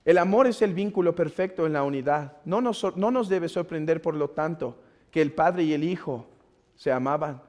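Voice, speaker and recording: A pastor with a Mexican Spanish accent preaching a sermon, earnest and exhorting, rising to loud urging and dropping to quiet pleading. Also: male voice, a little high, moderate pace. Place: church hall. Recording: long church reverb.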